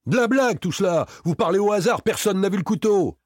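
A man voicing a frightened, shifty male servant accused of murder, stammering and protesting in a high voice. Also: expressive, brisk, darkish tone, breathy edge, no echo, studio quality. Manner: stammering, whiny, protesting shrilly.

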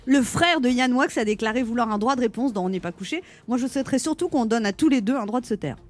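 A woman hosts a comic radio show with a slightly high voice. She talks briskly and teasingly and drops in mock English phrases. Soft jingle music sits behind her. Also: expressive.

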